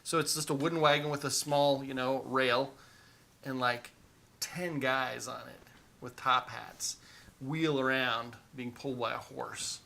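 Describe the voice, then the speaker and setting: A man running a tabletop game as game master, narrating scenes in an animated, playful way. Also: mid-range voice, unhurried, creaky.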